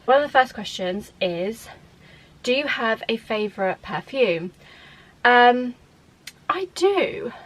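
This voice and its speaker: A woman's voice: fairly high pitch, a bit bright, poor audio. A young woman chatting at home in a rambling, bubbly Q&A vlog, laughing often and a little out of breath. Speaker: vlogger. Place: at home, indoors.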